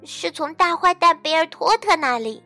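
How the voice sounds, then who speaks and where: A woman's voice: extremely high pitch, expressive, normal speed, bright, forceful tone, soft background music, pitched above the performer's own voice, heavily acted. A woman voicing a clever, bold young male hero in a storybook reading, speaking eagerly and confidently.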